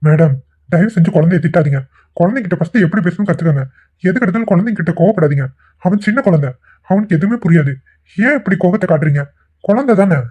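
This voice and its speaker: A man voicing a gentle young man in a cartoon who pleads earnestly and gets flustered. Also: high-pitched, expressive, fast talker. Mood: pleading. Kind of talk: cartoon voice acting. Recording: tinny phone-like recording.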